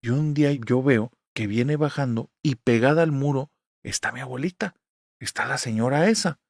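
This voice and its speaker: A man with a Mexican accent tells a first-person horror story in a conversational, confiding way, often turning to address the listener. His voice sits at a medium pitch. The recording is dry and close, with no room around it. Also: normal speed, gravelly, dry recording. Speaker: narrator. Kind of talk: storytelling narration of a horror tale.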